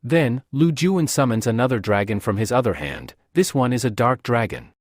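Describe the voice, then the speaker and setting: A man narrating a comic recap in an even, storytelling delivery. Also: mid-range voice, normal speed, no room sound, studio quality.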